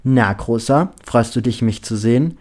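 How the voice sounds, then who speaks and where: A man reading a story and voicing a brash, chummy, muscular young man with a loud, teasing manner. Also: medium pitch, moderate pace, lightly acted.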